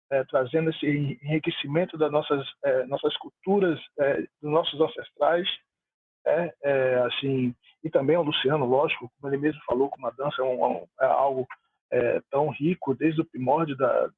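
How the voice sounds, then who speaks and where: A music producer from Salvador, Bahia, Brazil, speaks as a guest in an online panel debate, his voice on the high side with a breathy edge. He's heartfelt and rambling, with many fillers. The sound is phone quality with no echo.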